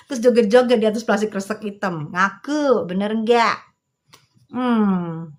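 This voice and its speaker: A middle-aged woman hosting a livestream on a phone, chatting with viewers in a sassy, teasing, slangy manner and speaking slowly and carefully. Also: mid-range voice. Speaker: livestream host. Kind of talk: casual livestream chat reading viewer comments.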